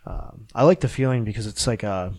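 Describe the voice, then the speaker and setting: A man hosts a casual podcast in a nasal, stuffed-up voice. His pitch sits fairly low, and the sound is close and dry. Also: fairly quick, a little mellow, dry recording. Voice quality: nasal, congested voice. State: congested. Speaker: podcast host.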